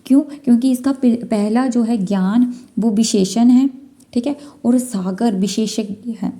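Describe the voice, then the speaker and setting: A woman's voice: on the high side, unhurried, mellow. A woman teaching a Hindi exam-prep lesson, going through questions one by one, repeating key words and sounding out letters as she explains.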